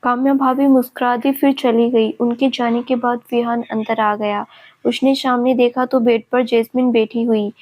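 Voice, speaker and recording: A woman storyteller reads a family story aloud in an even, steady way. Her voice sits fairly high and stays level, with little rise and fall. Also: normal speed, rough recording. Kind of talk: storybook narration.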